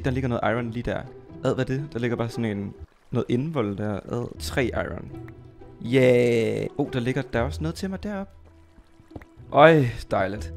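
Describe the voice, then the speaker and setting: A Danish man commentating his Minecraft play, chatty and excitable, talking to viewers and to his pet, squealing when startled. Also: mid-range voice. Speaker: gaming YouTuber.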